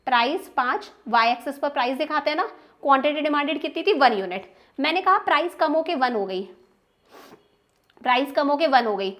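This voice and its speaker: A young woman with an Indian accent teaching an exam-prep economics lecture, explaining step by step, stressing key terms and often asking if students have understood. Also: high voice. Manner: explains step by step, checks understanding with repeated questions.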